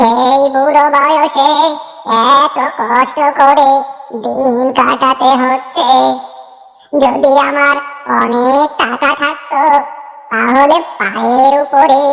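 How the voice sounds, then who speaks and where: A woman voicing a poor, lonely old village woman who talks slowly and laments, recorded with reverb over background music. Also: high voice, fairly even intonation, vocal fry, fairly bright tone, full character voice. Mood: lamenting. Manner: slow and lamenting.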